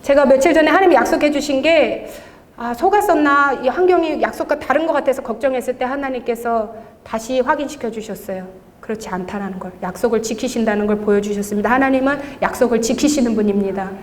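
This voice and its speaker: A woman who leads intercessory prayer tells an animated testimony at a church service, often laughing as she talks. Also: a little high, fast. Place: church sanctuary. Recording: long reverb of a large church hall.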